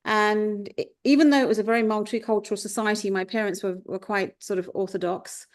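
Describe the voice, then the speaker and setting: A thoughtful Englishwoman in her fifties, a life coach appearing as a guest on a reflective podcast, speaks in a steady mid-range voice at a brisk clip. She's from England, her first language is Punjabi, and she tends to circle back on her points, restarting as she thinks.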